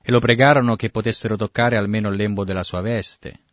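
A man's voice: fairly low pitch, fairly even intonation, fast talker, no room sound, dull audio. A man preaching a sermon, reading scripture and explaining it, now and then acting out the quoted lines. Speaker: pastor. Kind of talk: sermon, Bible exposition.

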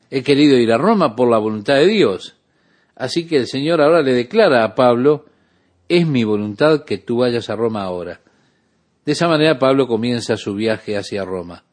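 A man's voice: medium pitch, a little mellow. A man preaching a sermon, retelling a scripture story with voiced dialogue and casual asides.

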